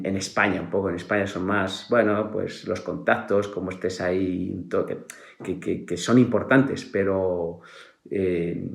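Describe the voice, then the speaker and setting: A middle-aged man with a Spanish accent from Spain talks as a podcast guest, in a low-pitched voice. He speaks haltingly, stopping and restarting his phrases and tagging them with fillers. The recording has a roomy echo. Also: gravelly. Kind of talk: casual conversation.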